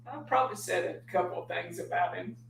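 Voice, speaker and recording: A man co-hosts a sports podcast in a slow, laid-back way, chuckling as he goes. His voice is high and gravelly, picked up from a distance in an echoey room. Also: a bit bright. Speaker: podcast co-host. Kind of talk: casual sports podcast chat. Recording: roomy, distant mic with hum.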